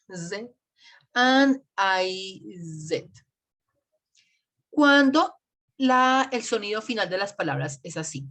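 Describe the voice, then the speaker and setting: A woman teacher explaining grammar in an online class, patiently spelling out and repeating examples. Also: mid-range voice. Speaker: English teacher.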